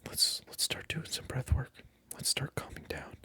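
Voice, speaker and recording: An ASMR video creator whispers a monologue close to the mic, teasing the viewer with mock indignation and lots of repetition. The delivery is bright and forceful at a moderate pace, with no echo.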